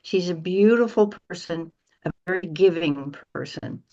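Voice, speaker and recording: A woman co-hosting a podcast interview, speaking in an unhurried, complimentary way. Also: on the low side, mellow, highs cut off. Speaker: podcast co-host.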